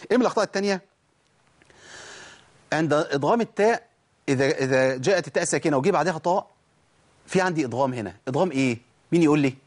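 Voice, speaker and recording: A man with an Egyptian Arabic accent teaching Quran recitation rules, asking and answering his own questions and demonstrating sounds. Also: a little high. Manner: demonstrates pronunciation. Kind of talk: tajweed lesson.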